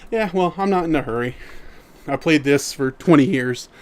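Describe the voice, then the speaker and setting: A middle-aged man live-streaming, who reads chat aloud and answers it in a relaxed, easygoing way while walking in place. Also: fairly high pitch, moderate pace.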